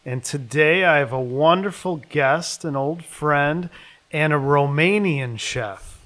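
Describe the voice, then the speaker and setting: A man's voice: on the high side, takes it slowly, fairly bright tone. A man hosting a casual podcast interview. He keeps things friendly and prompts his guest with short, simple questions. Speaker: podcast host, chef.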